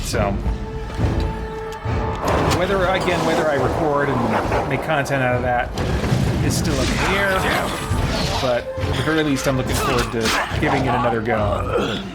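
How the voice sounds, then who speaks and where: While livestreaming a video game, a man chats casually and thinks aloud in a rambling manner. His mid-range voice moves at a normal speed over loud music.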